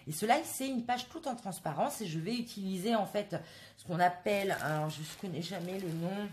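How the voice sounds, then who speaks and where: A woman's voice: medium pitch, moderate pace, slight background noise. A woman from France in a casual haul video, chatting to her viewers with many hesitant fillers. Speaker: craft vlogger.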